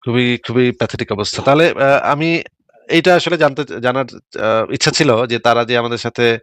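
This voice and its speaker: A man hosting a live stream, commenting quickly and mockingly with rhetorical questions. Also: medium pitch, fairly bright tone, clean tone, dry recording.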